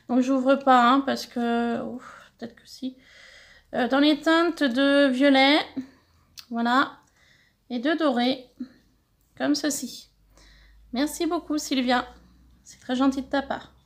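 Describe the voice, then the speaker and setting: A middle-aged woman from France with a high-pitched voice chats casually as she opens mail from viewers. She thanks each sender and often stumbles and restarts her sentences. She sounds like a hobby vlogger talking to her subscribers. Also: a bit bright. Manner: chatty, thankful, stumbles over words. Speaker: scrapbooking channel host. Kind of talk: casual mail-opening vlog.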